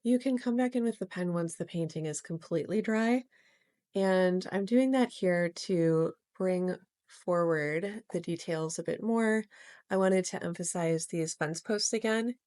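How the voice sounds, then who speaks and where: A woman narrating her watercolor painting step by step in a gentle, explanatory way, as host of a real-time art tutorial. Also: on the low side, unhurried, no room sound, studio quality.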